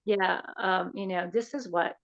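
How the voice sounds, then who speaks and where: A woman hosting a casual podcast chat, talking in a chatty, halting way. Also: on the low side, fairly even intonation, creaky. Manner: chatty, halting, many "um" and "yeah". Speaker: podcast host. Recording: dull lo-fi audio.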